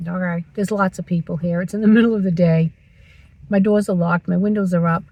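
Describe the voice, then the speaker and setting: A woman's voice: fairly low pitch, steady tone, fairly quick, dark tone, dry recording, muffled recording. A woman in her sixties vlogging from her parked car, chatty and teasing herself as she talks. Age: 60s. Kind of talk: casual chatty vlog.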